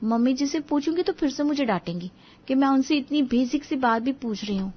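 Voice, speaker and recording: A woman's voice: high-pitched, expressive, brisk, muffled recording, pitched above the performer's own voice. A woman voicing a timid, eager young daughter-in-law in a cartoon story, polite and anxious to please. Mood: worried.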